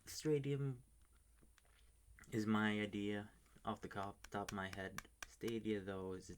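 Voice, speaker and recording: A man's voice: fairly low pitch, little pitch movement, normal speed, slight background noise. A man whispering close to the mic, ranting casually and swearing often in a homemade ASMR video at home at night. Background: faint keyboard tapping and clicks.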